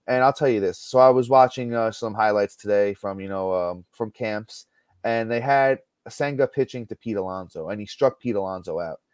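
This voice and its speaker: A man's voice: lowish voice, moderate pace, clear, resonant tone, no room sound. Man, podcast host, casual chat, stats and fillers, dry close sound. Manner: chatty, stat-heavy, many fillers and restarts. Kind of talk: casual sports podcast talk.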